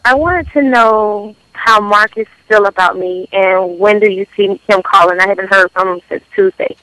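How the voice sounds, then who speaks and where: A woman's voice: mid-range voice, normal speed, bright, forceful tone, clean tone, no room sound. Woman calling in to a radio show. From Florida. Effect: phone line into a radio show. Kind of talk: casual chat.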